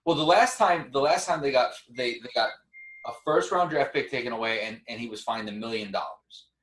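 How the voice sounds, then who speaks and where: A man co-hosting a casual sports debate, animated and often restarting his sentences as he argues. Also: medium pitch, a little fast, recorded from a distance, slight background noise. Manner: animated, stumbles and restarts when arguing. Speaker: co-host. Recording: echoey room, away from the mic.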